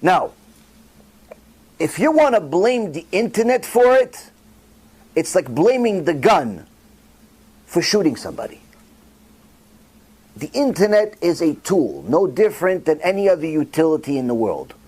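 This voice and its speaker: A man giving a rabbi's Torah lecture, emphatic and full of rhetorical questions, swinging widely between loud and quiet. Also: sing-song, a little slow, pauses often, slightly rough, poor audio. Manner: dramatic swings in pitch and volume.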